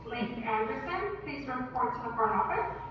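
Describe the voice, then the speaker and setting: A high-voiced woman makes a brief, measured announcement over a school intercom. The sound reaches the microphone from far across the room, dull and lo-fi, with a long echoing reverb around it. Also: lively intonation, slight background noise. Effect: school intercom loudspeaker. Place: school classroom, loudspeaker heard from across the room. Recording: distant echoey intercom in a hallway, dull and lo-fi.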